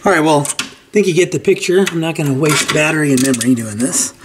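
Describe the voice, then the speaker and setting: This repair channel host is a fast-talking man with a fairly high voice. He narrates a casual hands-on repair at a cluttered indoor workbench, thinking aloud, while steady clear noise and clicks sound behind him.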